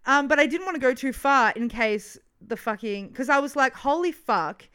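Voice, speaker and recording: Animated Australian woman telling stories. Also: high voice, normal speed, clear, resonant tone. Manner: swearing, animated storyteller. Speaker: podcast co-host. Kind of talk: casual chat.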